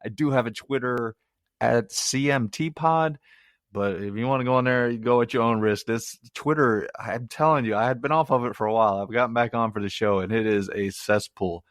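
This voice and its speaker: A man's voice: mid-range voice, a little fast, dry recording, clean studio sound. A man hosting his own movie review podcast, chatty and rambling, with self-mocking asides. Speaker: podcast host.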